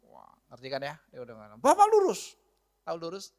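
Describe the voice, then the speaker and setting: A male pastor speaking, in a middle-pitched voice. He tells an everyday story in an animated, chatty way. He often laughs and turns to ask his listeners questions. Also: quick pace, creaky. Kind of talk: storytelling sermon.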